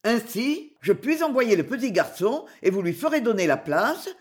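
A woman voicing a brisk young man running errands, speaking curtly and offhandedly, lower than her own voice. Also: sing-song. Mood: offhand. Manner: curt and offhand.

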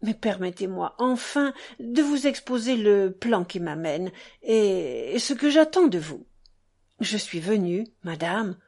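A woman's voice: medium pitch, big pitch swings, slow, darkish tone, exaggerated voice. A woman reading an audiobook, voicing a feverish, desperate young man who pleads urgently and fervently. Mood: pleading.

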